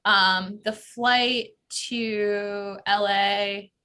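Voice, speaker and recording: A woman's voice: mid-range voice, steady tone, very slow, bright, forceful tone, smooth. An American woman, a travel expert, chatting as a guest in a casual interview, full of fillers like "like" and "um". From United States.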